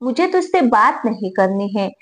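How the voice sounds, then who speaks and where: A woman's voice: fairly high pitch, big pitch swings, normal speed. A woman voicing an angry, stubborn elderly mother-in-law who scolds harshly in a spoken story. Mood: angry scolding.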